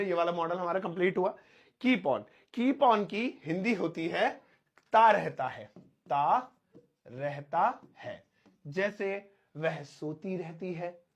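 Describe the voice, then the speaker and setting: A man, teaching English grammar in a chatty way, stretching out and repeating his example sentences. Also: high voice. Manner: explains slowly, spelling out words and repeating examples. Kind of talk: spoken English lesson explained in Hindi.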